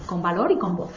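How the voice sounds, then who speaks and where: A woman, a meditation teacher calmly explaining to a small group seated in a circle. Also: mid-range voice. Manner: calm, explanatory, unhurried. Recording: roomy, dull lo-fi room recording.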